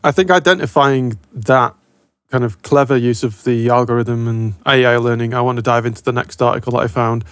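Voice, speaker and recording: Casual male co-host, average pitch, dry close sound. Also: fairly even intonation, fairly quick, fairly bright tone, clear, resonant tone, no room sound. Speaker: podcast co-host. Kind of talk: casual podcast chat.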